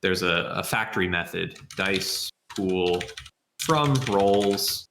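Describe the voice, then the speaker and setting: A man who is a software developer answering questions in a live session, thinking aloud and explaining things step by step. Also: low-pitched, slow, roomy sound, background noise. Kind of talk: live Q&A with screen demo.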